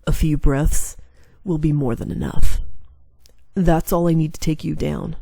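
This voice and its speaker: A woman's voice: low voice, fairly even intonation, unhurried, vocal fry, mellow, no echo, pitched below the performer's own voice, full character voice. Woman doing a resolute young ninja.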